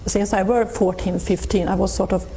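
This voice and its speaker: A middle-aged woman with a Swedish accent recalls her past in a thoughtful, unhurried way, often restarting her sentences. Her voice sounds warm and mellow, at an ordinary pitch. A faint hiss sits under the recording. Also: steady tone, poor audio. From Sweden. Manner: thoughtful, with frequent restarts and soft laughs. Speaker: interview guest. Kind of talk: reflective personal testimony.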